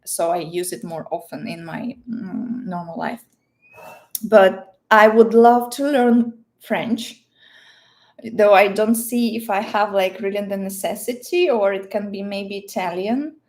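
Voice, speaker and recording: A livestream host, a native Russian speaker with a Russian accent, chats casually and playfully while answering viewers' questions, often searching for words. Her voice sits in the mid range, a little mellow, and she speaks at a measured pace.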